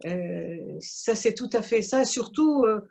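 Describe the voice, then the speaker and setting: A woman of Franco-Belgian and Iranian origin, a business owner, speaking haltingly in an online meeting with many fillers. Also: a little high, expressive, gravelly, dark tone.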